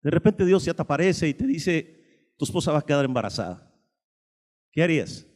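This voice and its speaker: A high-voiced man preaches a lively sermon, shifting between loud, emphatic bursts and quiet asides. His voice rings with a long reverb, as in a church hall. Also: moderate pace. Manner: animated, swings between loud emphasis and soft asides, acts out dialogue. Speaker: pastor.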